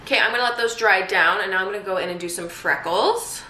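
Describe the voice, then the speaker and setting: A beauty vlogger in her twenties talks fast in a bright, pushed mid-range voice while doing a makeup tutorial at home during quarantine. She's upbeat, casual and full of fillers, and the room sounds echoey with faint noise.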